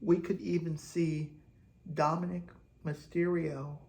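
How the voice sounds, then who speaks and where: A man's voice: fairly high pitch, level tone, slow, gravelly, a little mellow. A man hosting a vlog, rambling through speculative wrestling storylines with hesitant restarts. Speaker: host. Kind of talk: wrestling fantasy-booking commentary.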